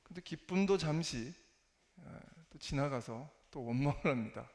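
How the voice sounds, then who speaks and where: A man giving a church testimony in Korean in a hesitant, self-deprecating and halting manner. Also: on the high side, expressive. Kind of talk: church testimony, spoken sermon. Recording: echoey hall with long reverb.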